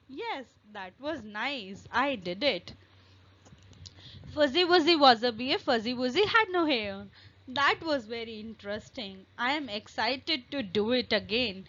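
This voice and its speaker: A woman, teaching tongue twisters slowly and carefully as a language lesson. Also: high-pitched, sharp tone. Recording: dull lo-fi recording.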